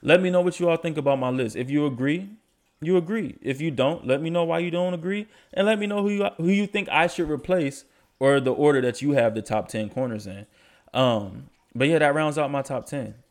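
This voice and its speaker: Fairly high-pitched and fairly quick, this young man hosts a casual sports podcast while congested from allergies. He keeps things relaxed and full of slang, lighting up when stats come up.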